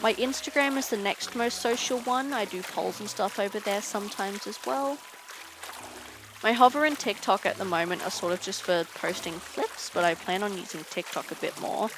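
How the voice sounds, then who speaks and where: A young woman game streamer chatting casually while she plays, tired and low on energy, rambling with frequent ums. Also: normal speed. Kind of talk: casual chat while gaming. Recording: noisy game audio behind.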